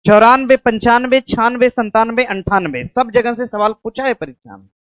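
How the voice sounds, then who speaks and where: A woman teacher, lecturing an exam-prep class. She asks questions, answers them herself and slowly dictates notes. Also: on the high side, no echo. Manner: slow dictation of notes to write down.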